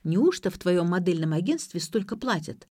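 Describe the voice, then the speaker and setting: A woman voicing a curious, outspoken young female student who talks in a lively, teasing way. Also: on the low side, normal speed, dry recording, studio quality.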